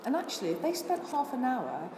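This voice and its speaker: Her voice sits high and sing-song, a little fast, as this older Scottish woman, her accent long gone, responds to interview questions. The vegan charity worker is earnest and chatty, running through lists with many restarts, in a noisy room with echo.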